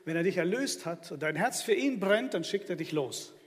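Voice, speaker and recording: Male preacher, high-pitched and emphatic, sermon in a reverberant church hall. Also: normal speed. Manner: lively, emphatic preaching to the congregation.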